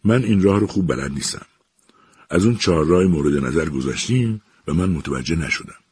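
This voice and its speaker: A man voicing a calm, polite army captain in a storybook reading, speaking formally and evenly. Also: low voice, slightly rough, full character voice.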